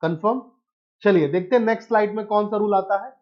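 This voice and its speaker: A man's voice: high-pitched, fast talker, dull audio. A male teacher giving an online exam-prep lesson, asking questions and answering them himself, mixing English phrases into his explanation.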